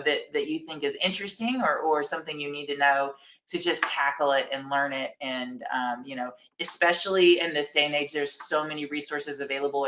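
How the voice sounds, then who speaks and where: A woman with a low yet bright, forceful voice gives career advice on a panel, earnest and encouraging. She sounds like she is on a video call, and the room around her echoes noticeably. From Austin, Texas, USA. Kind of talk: conversational panel talk. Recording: roomy echo.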